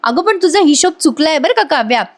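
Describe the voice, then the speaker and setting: A woman's voice: high-pitched, animated, brisk, pitched above the performer's own voice. A woman voicing a cruel, scheming middle-aged aunt in a retold TV serial, with a taunting, mocking manner. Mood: gloating, taunting.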